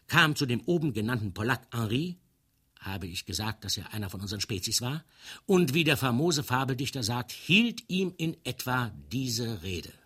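A man's voice: mid-range voice, fairly bright tone, slightly rough. A man narrating a literary story aloud in a playful, ornate storytelling manner. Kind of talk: dramatic literary reading.

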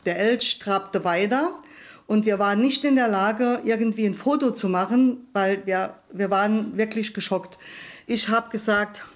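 A woman recounting a travel adventure, rushing ahead and then slowing for suspense. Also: mid-range voice. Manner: vivid storytelling, speeding up and slowing for suspense. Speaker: listener telling a travel story. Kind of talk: spoken anecdote.

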